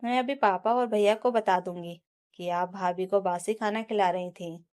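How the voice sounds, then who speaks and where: A woman's voice: medium pitch, fairly even intonation, normal speed, darkish tone, smooth, lightly acted. A woman voicing an outspoken college-age daughter. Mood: reproachful. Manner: outspoken, reproachful. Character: young college-going daughter, fair-minded and outspoken.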